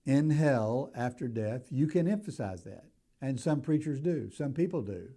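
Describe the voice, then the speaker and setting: An older man preaching a sermon in a deliberate, emphatic way, stressing key words as he teaches. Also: medium pitch, dark tone. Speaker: pastor.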